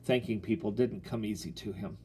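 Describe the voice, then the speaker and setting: Mellow-voiced male audiobook narrator. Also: on the low side, fairly quick, slightly rough.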